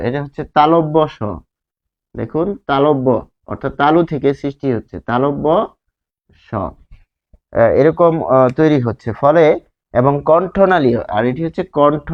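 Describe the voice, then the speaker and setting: A male teacher from Bangladesh giving a grammar lesson, asking and answering his own questions and drawing out sounds to demonstrate them. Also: a little high. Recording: slightly dull lo-fi sound.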